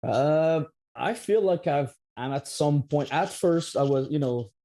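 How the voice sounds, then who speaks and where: This guest, a metal musician in his thirties from Quebec, Canada, has a slightly high voice with a dark tone and a measured pace. Speaking with a Québécois French accent, he gives rambling interview answers, restarting sentences and using lots of fillers.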